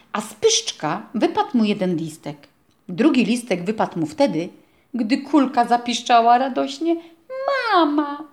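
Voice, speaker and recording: A woman reading a children's storybook aloud in a gentle, expressive narrating voice. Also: mid-range voice. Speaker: audiobook reader.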